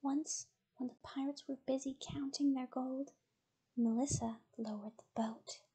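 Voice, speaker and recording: A woman narrating a bedtime story in a soft, mostly whispered voice. She reads slowly, and her high voice has a mellow, dark tone. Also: steady tone, husky, poor audio.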